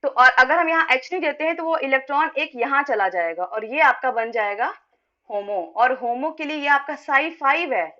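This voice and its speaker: एक महिला रसायन शिक्षिका ऑनलाइन कक्षा में क़दम-दर-क़दम समझाती है, गिनती ज़ोर से बोलती है और छात्रों के सवालों का जवाब देती है, हल्का हिंदी लहजा है।. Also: female voice, high-pitched, lively intonation, normal speed, bright, forceful tone. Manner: explains step by step, counts aloud, answers students. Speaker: chemistry teacher. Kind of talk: live online class. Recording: dull lo-fi online lesson audio.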